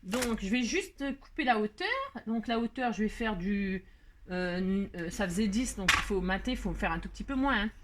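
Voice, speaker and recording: A woman's voice: mid-range voice, normal speed, heavy background noise. A woman hosting a casual craft tutorial, chatty and scatterbrained, laughing at herself as she works. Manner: sings playfully while working.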